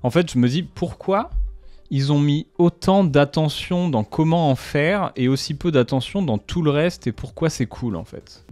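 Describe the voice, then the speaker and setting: A YouTuber with a medium-pitched voice breaks down a brand's marketing in casual, slangy commentary full of punchy asides. The recording has no echo.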